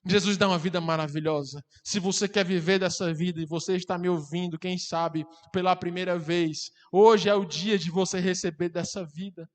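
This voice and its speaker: A male pastor preaching a sermon with passion, building to loud climaxes. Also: sits high, fairly even intonation, moderate pace, few pauses, in a large hall. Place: church hall.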